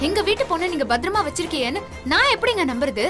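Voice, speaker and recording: A woman's voice: extremely high pitch, big pitch swings, rapid-fire, over music. An actress playing a determined young woman who firmly reassures a frightened relative in a TV serial. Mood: resolute. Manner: firm, reassuring. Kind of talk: TV serial acting.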